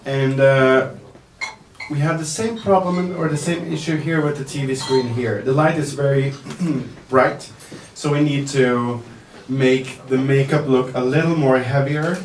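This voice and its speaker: A male makeup artist gives a live demonstration to the press at an indoor event, speaking slowly and hesitantly with lots of fillers and the occasional joke. His voice is mid-range, and the room is echoey, with the mic far away and faint noise present.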